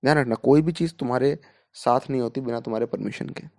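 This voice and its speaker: A man's voice: medium pitch, fast, vocal fry, a little mellow, dry recording, studio quality. A man coaching students in a talk, asking rhetorical questions and mixing in English words. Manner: explains with rhetorical questions, Hindi mixed with English terms. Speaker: mentor to exam students.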